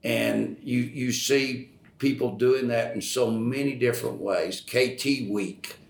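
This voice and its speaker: Older man, slow, halting, lots of fillers, roomy echo. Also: mid-range voice, steady tone, creaky. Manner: halting, many fillers and restarts, emotional. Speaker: retired college staff guest. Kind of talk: podcast interview.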